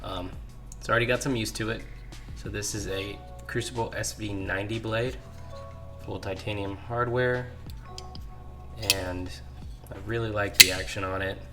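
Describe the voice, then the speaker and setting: A man with a fairly low, hoarse voice, on the mend from illness, presents his knife haul from his home garage bench. As a knife-hobby channel host, he chats through each item at a normal pace, relaxed and full of fillers, leaving long pauses while music plays underneath.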